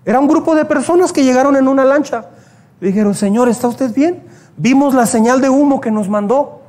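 A man preaches, and his voice sits unusually high for a man. He tells stories and slips into the prayers and cries of the people in them. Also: fairly quick, darkish tone. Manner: storytelling preacher, acts out quoted prayers. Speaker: pastor. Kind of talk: sermon.

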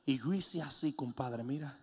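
A middle-aged man preaching a sermon in a large church, telling funny stories and then shouting as he builds. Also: mid-range voice, normal speed, slightly rough. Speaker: pastor. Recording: long hall reverb.

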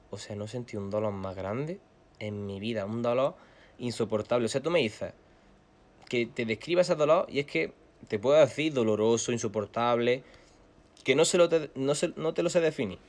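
A young man, telling a story casually as a guest, animated and slangy with frequent swearing. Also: medium pitch, moderate pace.

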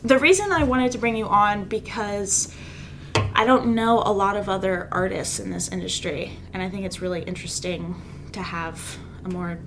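A woman in her twenties hosting a casual interview podcast, bubbly and quick to react. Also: medium pitch, noisy background. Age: 20s. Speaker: podcast host, real estate agent.

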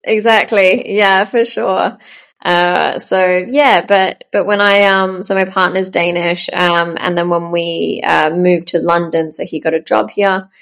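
A woman, a startup founder chatting in an interview, full of ums and soft laughs. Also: on the low side, fairly even intonation, a little slow, vocal fry. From Australia. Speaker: startup founder, podcast guest. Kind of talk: casual interview chat.

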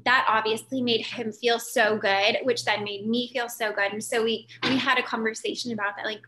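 A woman's voice: fairly high pitch, steady tone, moderate pace, bright, forceful tone, rough recording. A woman in her thirties, a mother co-hosting a casual chat show, talking loosely with many fillers. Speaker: podcast co-host, mother.

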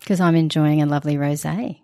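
A woman's voice: low voice, fairly quick, gravelly, warm tone, no room sound, studio quality. A woman co-hosting a casual podcast, chatty and giggly as she recaps the episode. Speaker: podcast co-host.

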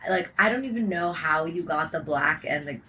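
A woman's voice: low voice, expressive, moderate pace, bright, forceful tone. A woman chatting casually on a podcast, full of "like" fillers and enthusiastic praise. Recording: noisy recording.

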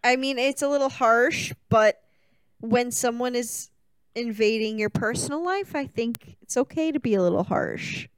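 A woman's voice: a little high, clean tone, dry recording. Chatty woman, dry close sound. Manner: chatty, quick reactions, jokey asides. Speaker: podcast co-host. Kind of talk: casual film chat.

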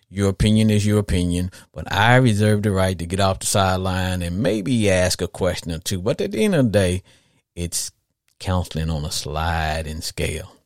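A middle-aged Southern podcast host with a low voice rambles folksily through casual sports talk, repeating phrases to emphasize them. The recording is dry and studio quality.

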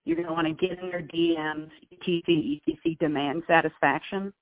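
A woman phones in to a chat show, and her voice reaches us over a bad, breaking-up line that sounds thin and tinny. The sound is dry and close, with dropouts in the signal. She talks in a wry, deadpan way. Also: deep voice, fairly quick, no echo. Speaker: podcast co-host calling in from abroad. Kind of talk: casual chat.

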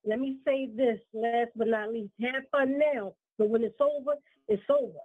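A woman co-host reciting spoken word poetry in a rhythmic, measured way, heard over a speakerphone call. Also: a little high, breathy edge, no echo. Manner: rhythmic, measured rhyming delivery. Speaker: poet and show co-host. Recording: tinny dry speakerphone line.

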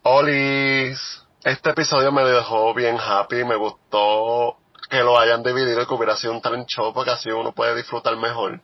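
A husky man chats through a voicemail, dropping English phrases. The recording is dull and lo-fi, dry with no room around him. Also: mid-range voice, flat delivery, moderate pace, dry recording. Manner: chatty, mixes in English. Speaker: voicemail caller. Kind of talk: casual voice message.

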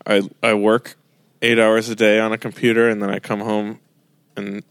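A man's voice: on the low side, flat delivery, moderate pace, clean tone, no echo, studio quality. A young man co-hosting a casual podcast from his desk at home, easygoing and matter-of-fact. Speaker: podcast co-host. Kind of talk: casual chat. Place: home desk, remote recording.

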